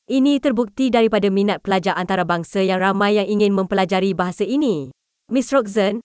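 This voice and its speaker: A woman's voice: mid-range voice, darkish tone, clear, resonant tone, no echo. A woman delivering scripted narration in the style of a news report. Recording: dry voice-over with faint music.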